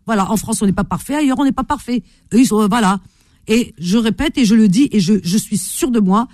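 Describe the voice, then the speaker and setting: A woman's voice: mid-range voice, darkish tone, no room sound, clean studio sound. A middle-aged woman hosting a call-in radio show, talking emphatically, with lots of hesitations and repetition. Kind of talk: opinionated call-in radio talk.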